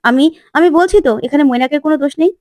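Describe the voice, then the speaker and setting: A woman voicing a touchy young wife who snaps back quickly in a retold TV serial. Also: high voice, darkish tone, no echo, studio quality, voice pushed up, natural voice. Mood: defensive. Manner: snapping, quick.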